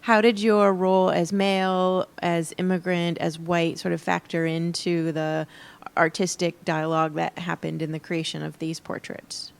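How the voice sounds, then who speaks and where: Gravelly-voiced woman moderating a panel. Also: lowish voice, flat delivery, normal speed. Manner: thoughtful, long-winded questions with fillers. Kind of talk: panel discussion questions.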